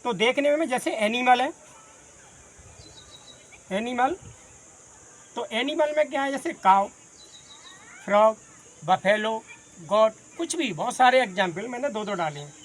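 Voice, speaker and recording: A man's voice: very high voice, animated. Patient man teaching a grammar lesson. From Agra, India. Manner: patient, explains by listing examples, calls students "son"; says he talks fast.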